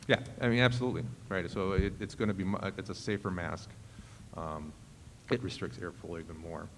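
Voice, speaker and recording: Male school official, deep, halting and explanatory, echoey meeting hall. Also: a bit bright. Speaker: school official advising the board. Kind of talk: meeting discussion. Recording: echoey hall with faint noise.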